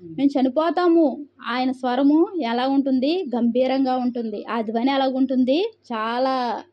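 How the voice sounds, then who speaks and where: Woman preacher, high voice, scripture reading and sermon, rhetorical questions, dull lo-fi sound. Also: fairly even intonation, unhurried. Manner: asks rhetorical questions and answers them.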